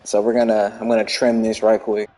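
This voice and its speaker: A man's voice: fairly low pitch, completely flat delivery, a little fast, dark tone. Laid-back profane young man gaming. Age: 20s. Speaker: gaming video creator. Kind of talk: casual let's-play commentary.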